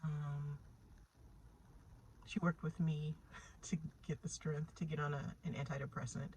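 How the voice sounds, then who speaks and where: A woman's voice: low voice, level tone, unhurried, a little mellow, a little hiss or hum, rough recording. Candid woman reflecting on her own story. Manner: candid, reflective, with small laughs and restarts. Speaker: vlogger sharing her therapy story. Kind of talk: personal storytelling.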